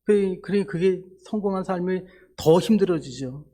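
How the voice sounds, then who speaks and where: A man's voice: sits high, normal speed, warm tone. A man preaching a conversational sermon to a congregation, asking them questions and answering them himself, and affirming his points with a short word. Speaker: missionary preacher. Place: church service.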